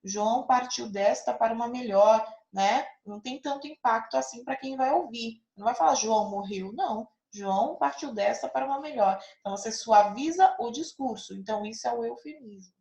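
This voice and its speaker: A woman's voice: on the high side, a little fast, few pauses, a little mellow, echoey room, highs cut off. A woman teacher patiently explaining figures of speech, often checking in with her listeners. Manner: patient, checks in with frequent tag questions. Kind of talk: explaining a grammar lesson.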